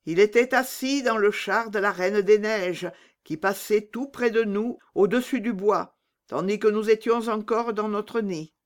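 A woman's voice: medium pitch, a little slow, voice pushed up, lightly acted. A woman voicing a pair of chatty wood pigeons that coo between their words, in a storybook reading. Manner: cooing, chatty.

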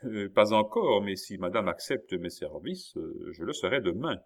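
A man's voice: on the low side, lively intonation, normal speed. A courteous young hairdresser, sure of his talent, voiced by a man reading a storybook aloud. The voice sits a little above the reader's own and moves a great deal. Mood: earnest. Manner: polite, self-assured. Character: confident young male hairdresser, Léonard.

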